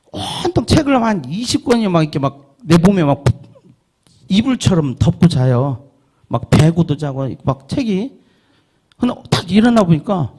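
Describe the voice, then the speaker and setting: A man's voice: high-pitched, darkish tone, breathy edge. A middle-aged man lecturing an audience on learning English. He asks the listeners questions, answers them himself, and drills vowel sounds aloud.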